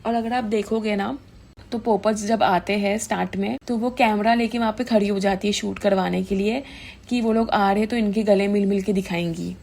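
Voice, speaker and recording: A young woman vlogger speaks at normal speed in a medium-pitched, darkish voice with a steady tone and vocal fry. Her chatty commentary is indignant gossip in Hindi, and she switches freely into English.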